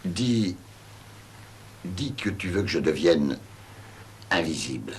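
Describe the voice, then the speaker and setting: A man's voice: low voice, big pitch swings, takes it slowly, slight background noise, exaggerated voice. An actor playing a solemn, servile male genie of the lamp in a dubbed film, speaking in formal commands. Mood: patient, formal.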